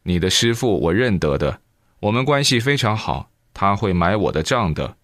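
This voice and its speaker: A man voicing a calm, kindly elderly male host who reassures a tired guest. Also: fairly low pitch, moderate pace, no room sound, clean studio sound. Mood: reassuring.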